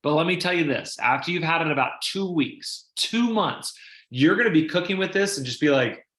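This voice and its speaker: A man's voice: a little high, animated, moderate pace, fairly bright tone, roomy sound. A man giving sales training on a video call, talking casually and repeating himself as he acts out customers.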